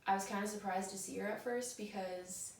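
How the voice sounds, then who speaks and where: A female police officer witness, played by a woman, who answers in a flat, gravelly monotone. She sounds far from the mic in a very echoey room. A faint hiss sits underneath. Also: medium pitch, a little fast, natural voice. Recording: very echoey, distant, faint noise.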